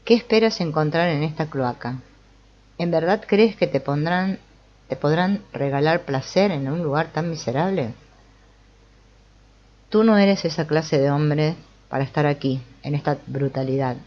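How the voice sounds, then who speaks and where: A woman's voice: low voice, normal speed, highs cut off, natural voice. A woman reading the lines of a refined, mysterious woman in a brothel, asking grave, searching questions.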